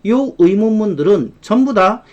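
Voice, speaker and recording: Brief: higher-voiced male grammar teacher, lively, drags out the examples. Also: dull audio. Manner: lively explainer, slows right down to spell out English examples. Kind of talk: online grammar lesson.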